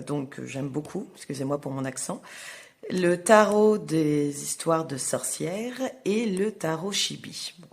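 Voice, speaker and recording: Slow, hesitant woman reading tarot. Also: deep voice, a little mellow. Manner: hesitant, many fillers, slow and halting. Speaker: astrologer and tarot reader. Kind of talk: casual tarot reading for viewers.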